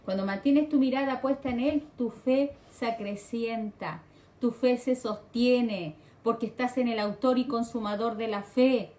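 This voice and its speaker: A woman's voice: fairly high pitch, a little slow, a little mellow, reverberant. A woman with a Chilean accent preaching, exhorting her listeners and repeating phrases for emphasis. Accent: Chilean Spanish. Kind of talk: sermon.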